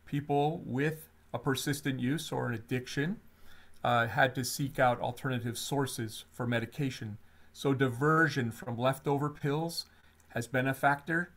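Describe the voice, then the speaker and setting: Man co-hosting a webinar, animated. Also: medium pitch. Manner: animated, conversational with fillers. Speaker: webinar co-host. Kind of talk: webinar presentation.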